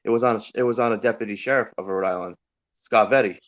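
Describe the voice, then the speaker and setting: A man in casual chat, speaking quietly in brief interjections. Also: lowish voice, quick pace. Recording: slightly dull, distant recording.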